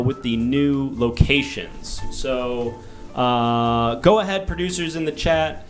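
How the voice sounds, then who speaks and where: A man hosts an improvised comedy casting show with a somewhat high voice. He talks in a rambling, conversational way and stays polite as he steers things along. Light music runs underneath. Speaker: host.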